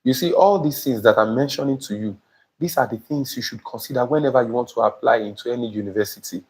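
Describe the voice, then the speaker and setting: A man's voice: mid-range voice, quick pace, darkish tone. A young man with a Nigerian accent, teaching a live session on a lapel mic and often asking viewers whether he makes sense. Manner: emphatic, repeatedly checks in with viewers. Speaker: admissions tutor. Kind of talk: live-streamed teaching talk. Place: indoor studio before a printed banner. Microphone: small lapel mic.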